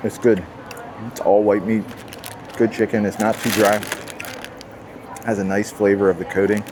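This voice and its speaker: A man's voice: fairly low pitch, normal speed. A man hosting a vlog, chatting casually as he tastes food and walks through a busy farmers market. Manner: chatty, relaxed, tasting and commenting on food. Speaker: vlog host. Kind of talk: casual walking tour chat. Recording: noisy market ambience.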